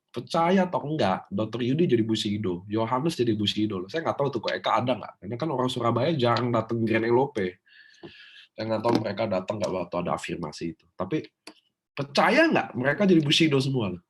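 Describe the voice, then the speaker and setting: A man giving a preachy, animated motivational training talk to his team. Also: medium pitch, brisk, slight background noise. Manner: preachy, animated, shouts example affirmations. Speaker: business trainer.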